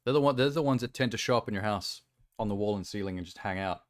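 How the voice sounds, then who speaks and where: A man's voice: fairly low pitch, fast talker. An Australian man streaming casual reaction commentary, blunt and sweary, laughing easily.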